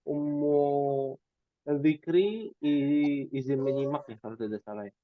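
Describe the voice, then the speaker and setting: A man teaching an Arabic class over a video call, giving encouraging feedback with drawn-out affirmations. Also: fairly high pitch, dry recording, narrow, tinny audio.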